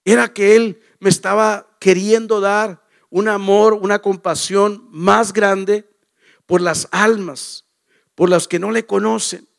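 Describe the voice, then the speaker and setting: A man's voice: high voice, steady tone, slow pace, creaky. A male pastor preaching a sermon, emphatic, repeating phrases and asking the congregation rhetorical questions.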